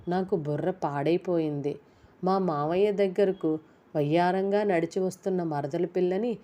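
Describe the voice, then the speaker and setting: Low, mellow woman reading a story. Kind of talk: scripted story narration.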